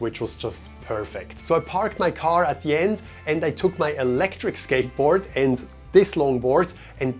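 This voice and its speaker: A young man who grew up in Switzerland, telling a story in a relaxed, chatty vlog style with many fillers. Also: on the high side. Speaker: vlogger. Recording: faint music behind.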